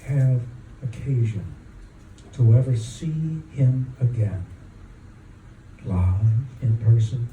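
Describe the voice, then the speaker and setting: A man reading a spoken-word story at an open mic, with a deliberate, halting, dramatic delivery and drawn-out pauses. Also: mid-range voice, mellow. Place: echoing room at an open mic event. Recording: roomy, distant mic, faint background noise.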